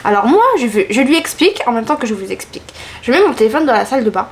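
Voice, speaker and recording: A young woman from France, eighteen, chatting casually to her viewers at home in an animated, self-mocking way. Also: on the high side, racing. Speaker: vlogger. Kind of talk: casual vlog chat to camera. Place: home, indoors. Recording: music playing clearly behind.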